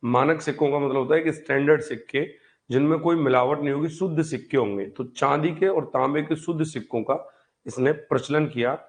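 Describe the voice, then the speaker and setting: In a slightly high voice and at a brisk pace, a man runs a live online exam-prep lecture on history. His teaching is conversational, with repeated key points and rhetorical questions.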